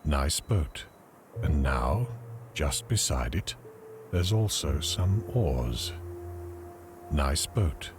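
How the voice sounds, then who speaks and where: A man's voice: rumbling low, animated, very slow, pauses often, over music, heavily acted. A man narrating an adventure game in terse, matter-of-fact scripted descriptions.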